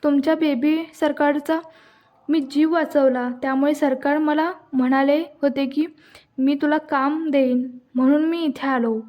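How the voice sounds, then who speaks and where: A woman's voice: high voice, fairly even intonation, unhurried, lo-fi sound. A woman voicing a humble young village man who pleads insistently for a job, read in her own voice. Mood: pleading.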